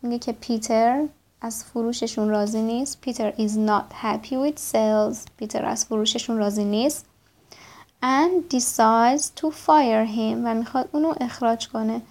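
Woman slowly spelling out English words. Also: a little high, fairly even intonation, a little mellow. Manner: spells words out letter by letter, slow in English, quick in Persian. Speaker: English teacher. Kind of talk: vocabulary lesson.

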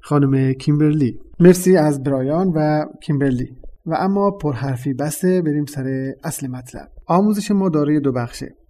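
Man, language lesson host, measured explanations, warm dark tone. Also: on the high side.

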